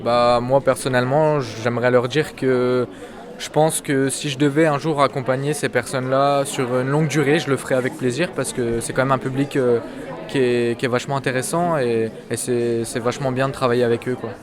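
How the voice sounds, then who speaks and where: An eighteen-year-old man studying social work answers interview questions casually and spontaneously. His mid-range voice is brisk, with fairly even intonation. The interview takes place outdoors, amid the chatter of a busy crowd.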